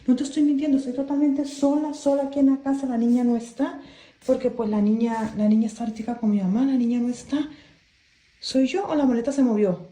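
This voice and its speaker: A woman's voice: high-pitched, steady tone, brisk, mellow, reverberant, a little hiss or hum, rough recording. A nervous woman filming on her phone in her bedroom at night, anxiously repeating herself and asking who is there. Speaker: homeowner filming a haunting. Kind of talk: frightened phone-video commentary. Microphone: phone camera.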